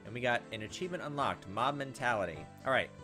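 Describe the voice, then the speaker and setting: Reading a visual novel aloud over music, this gaming video host talks fast with lively intonation at a medium pitch. He reacts to the text casually, now and then with profanity.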